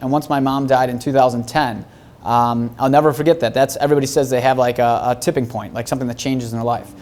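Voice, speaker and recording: A man, a real estate broker being interviewed, talking bluntly and profanely in animated stories. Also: mid-range voice, quick pace. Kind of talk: casual podcast interview.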